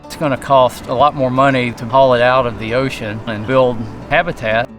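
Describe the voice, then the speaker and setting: A man from Arkansas speaks. His pitch is middling and his style that of a documentary interview. Music sounds clearly behind the speech. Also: steady tone, normal speed, a bit bright. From Arkansas, United States.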